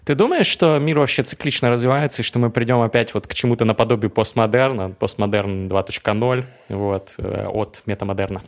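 A man hosting an interview, asking probing questions in a measured way with small hesitations. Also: on the low side. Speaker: host, interviewer.

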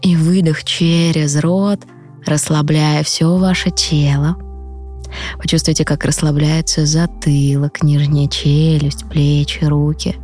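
A woman yoga teacher guiding a breathing meditation, slowly counting breaths and leading relaxation. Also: deep voice, flat delivery, mellow. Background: music.

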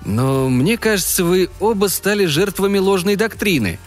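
A man voicing an ordinary man who speaks with dry, gentle mockery. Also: high voice, expressive, normal speed, soft background music, pitched above the performer's own voice. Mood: mocking. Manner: dry, mildly mocking. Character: ordinary mocking middle-aged American man.

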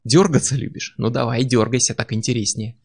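A man doing a sneering, gravelly barbarian brute. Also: mid-range voice, fairly even intonation, fairly quick. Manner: sneering, taunting, cruel. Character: brutal mocking male barbarian warrior.

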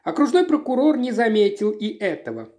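An audiobook narrator reading a literary story in a measured, expressive way. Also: mid-range voice.

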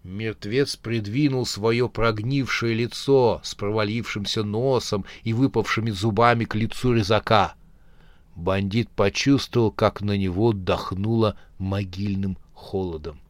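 A man narrating a comic horror storybook in a measured, unhurried reading. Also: lowish voice, fairly even intonation, dry recording. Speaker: audiobook narrator.

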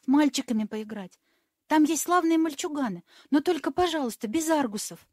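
Brief: meek seven-year-old prince, high and soft-spoken, dry close sound, read by a woman. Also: animated, normal speed, no room sound. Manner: gentle, earnest pleading. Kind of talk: audiobook reading.

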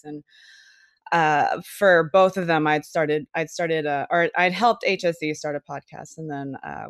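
A woman's voice: deep voice, gravelly, dry recording. A young woman from Malaysia, a podcast producer, introducing herself on a panel in a friendly, easygoing way with a few ums. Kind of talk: panel discussion over video call. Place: Austin.

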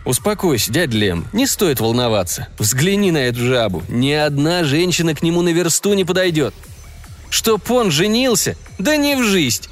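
An eager young hillbilly, played by a man reading a storybook aloud talks in a rustic, excitable way. The voice jumps high and bounces around in pitch. Faint music sits behind it. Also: moderate pace. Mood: reassuring.

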